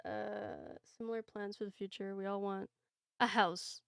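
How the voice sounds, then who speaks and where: A woman's voice: mid-range voice, little pitch movement, unhurried, gravelly, a bit bright, smooth, dry recording, clean studio sound. A young woman hosting a casual podcast chat with friends, laughing often and swearing freely. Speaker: podcast host.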